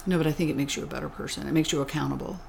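Blunt low-voiced woman podcast host. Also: steady tone, rapid-fire, gravelly, darkish tone, a little hiss or hum. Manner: blunt, curious, swears casually. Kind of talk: casual interview chat.

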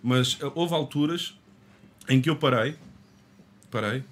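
A man's voice: medium pitch, measured pace, a bit bright, a little hiss or hum. A man with a Lisbon-area Portuguese accent, a rapper co-hosting a casual podcast, who stammers, swears freely and tells stories with animation.

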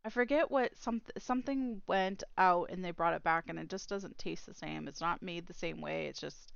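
A woman's voice: on the low side, moderate pace, creaky, a bit bright, smooth, no echo, dull audio. A woman co-hosting a podcast in casual chat, rambling and trailing off into fillers. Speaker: podcast co-host.

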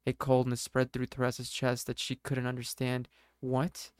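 A man narrating a scripted story in a steady, even reading voice. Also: medium pitch, moderate pace, clear, resonant tone, dry recording, clean studio sound.

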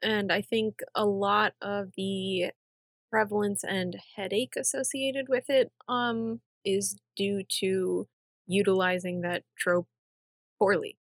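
A woman's voice: medium pitch, level tone, takes it slowly, no room sound. A woman co-hosting a casual podcast, making brief, matter-of-fact remarks. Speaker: podcast co-host.

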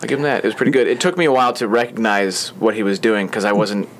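A man's voice: on the low side, quick pace, slight background noise. A young man hosting a podcast in a small studio, chatting casually and rambling with lots of fillers. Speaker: podcast host. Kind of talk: casual chat.

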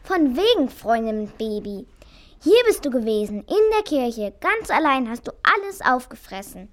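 A little storybook mouse, played by a woman, with a high, bright voice. She speaks emphatically, full of exclamation. Trusting at heart, she flares up quickly. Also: expressive. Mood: indignant. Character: small naive female mouse, trusting then indignant.

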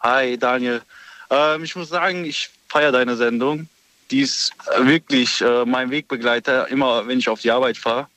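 A man from Frankfurt heard over a phone line as a caller to a radio talk show. He speaks in a hesitant, halting way, pausing often with fillers, and his voice sounds dry and close. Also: mid-range voice, fairly even intonation, bright, forceful tone, no room sound. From Frankfurt, Germany. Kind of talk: casual phone chat.

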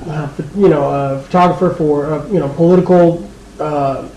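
A man co-hosting a casual podcast chat, talking earnestly and trailing off softly. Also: a little high, fairly even intonation, moderate pace, roomy sound, dull audio, slight background noise. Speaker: podcast co-host.

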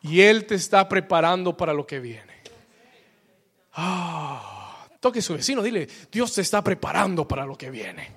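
A man preaching a sermon in church, calling for responses from the congregation, slipping English phrases in and building up to shouts. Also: fairly high pitch, big pitch swings, moderate pace, breathy edge. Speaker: pastor.

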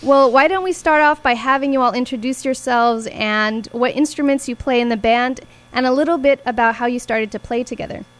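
A woman hosting a community radio interview from the studio, with clear, scripted introductions. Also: a little high, fairly quick, hardly any pauses, a little hiss or hum. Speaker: radio host.

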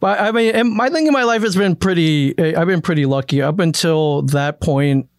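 A man from the American Midwest, a guest in a casual conversation, telling a story with frequent restarts and lively quoted lines. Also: on the high side, moderate pace, dry recording, studio quality. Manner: storytelling, restarts often, animated when quoting.

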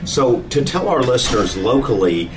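A man's voice: medium pitch, very animated, normal speed. A man hosting a radio interview at a racetrack in a casual, enthusiastic style. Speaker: radio show host. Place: at a speedway beside the race. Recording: slightly distant, clear racetrack noise. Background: racetrack ambience.

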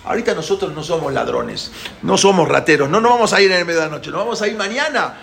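A man voicing a calm, firm prophet who soothes and refuses in a low, steady voice, in an echoey room. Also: fast talker, creaky, heavily acted. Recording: echoey room, faint background noise.

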